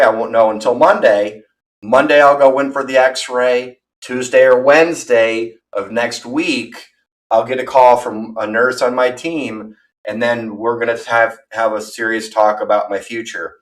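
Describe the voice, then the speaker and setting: A man in his thirties chatting casually on a livestream, rambling and candid, poking fun at himself. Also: medium pitch. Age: 30s. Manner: rambling, candid and self-deprecating. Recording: voice from far off the mic.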